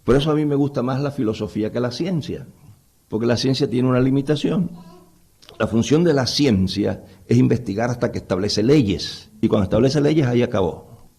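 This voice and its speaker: A man's voice: medium pitch, normal speed, a little mellow, husky. A man lecturing on the Bible to a live audience in a conversational way, often putting rhetorical questions to his listeners.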